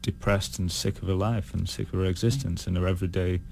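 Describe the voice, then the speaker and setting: A British man with a low, gravelly voice talks through his ideas in a relaxed interview. He speaks thoughtfully and stumbles over his words, restarting his sentences often. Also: slight background noise. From United Kingdom. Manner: thoughtful, halting with many restarts. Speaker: guest singer. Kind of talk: casual interview chat.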